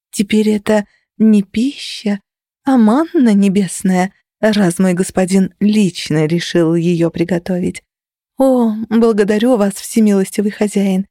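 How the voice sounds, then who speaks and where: A woman's voice: medium pitch, mellow, no echo, studio quality. Woman doing a sarcastic young heroine. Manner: mocking, theatrical, sarcastic. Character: sarcastic young red-haired woman, mock-servile. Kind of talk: audiobook character voice.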